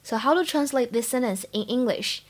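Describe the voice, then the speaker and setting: A woman's voice: a little high, lively intonation, normal speed. A young woman from China teaching spoken English, explaining pronunciation step by step in an upbeat way. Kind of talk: podcast-style English lesson.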